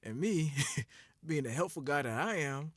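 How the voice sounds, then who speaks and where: Man, 30s, podcast co-host, casual storytelling, lively swooping pitch, bright, dry close sound. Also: a little slow, dry recording. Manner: animated, laughing storyteller.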